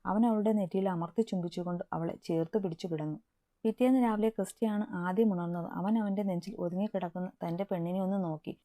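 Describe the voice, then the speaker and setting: Low, mellow woman reading a story. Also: fast, no echo. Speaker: story narrator. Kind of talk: reading a romance story aloud.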